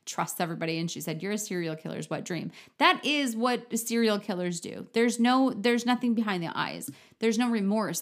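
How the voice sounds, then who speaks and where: A woman hosting a podcast, giving a blunt, opinionated, casual recap of a TV show and often restarting her sentences. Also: a little high. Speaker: podcast host.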